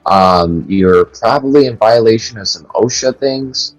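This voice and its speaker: A man's voice: fairly low pitch, unhurried, dull audio, soft background music. A man playing a tabletop game, improvising in character with hesitant, repetitive complaints. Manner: hesitant, complaining, repeats himself. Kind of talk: improvised role-play chat.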